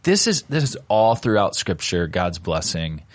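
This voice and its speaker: A man, a pastor, talking through his sermon in a relaxed, conversational way with plenty of fillers. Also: deep voice, measured pace, no room sound. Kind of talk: casual podcast discussion of a sermon.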